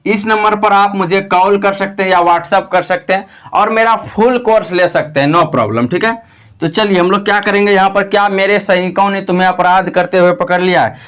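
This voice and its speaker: A young man with a Bihari Hindi accent teaching English grammar online. His voice sits high and rings clean and smooth. He talks patiently, repeating phrases and reassuring students. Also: a bit bright.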